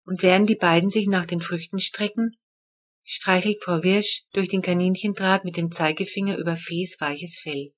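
A woman narrating a children's storybook chapter with a steady, clear reading. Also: fairly low pitch, moderate pace. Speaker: audiobook narrator.

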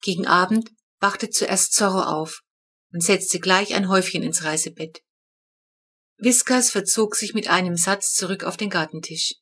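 A woman reading a children's story aloud with lively storytelling. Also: mid-range voice, measured pace, husky. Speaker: audiobook narrator. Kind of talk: scripted narration.

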